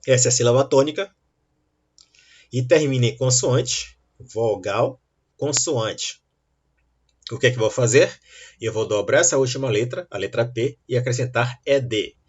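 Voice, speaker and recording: A man's voice: medium pitch, husky. A man teaching English grammar in a lesson, explaining patiently and checking that students follow. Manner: slow, patient explaining with rising checks like "tá bom?". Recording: dull lo-fi recording.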